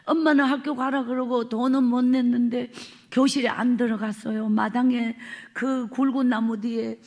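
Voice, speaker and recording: A woman evangelist with a strong Gyeongsang accent tells her life story from the pulpit at a revival meeting. Her voice sits high, and she tells it dramatically, acting out scenes and sometimes sinking to a whisper. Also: little pitch movement, moderate pace, a little mellow. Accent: Gyeongsang Korean. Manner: dramatic storytelling, acts out quotes, drops to whispers. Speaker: evangelist preacher. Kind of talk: revival sermon testimony.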